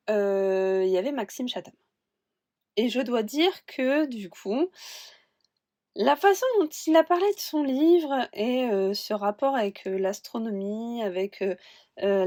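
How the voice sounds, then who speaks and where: A woman's voice: medium pitch, darkish tone. A woman book vlogger in casual chat, rambling and talkative about what she is reading. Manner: rambling, chatty, admits she talks too much.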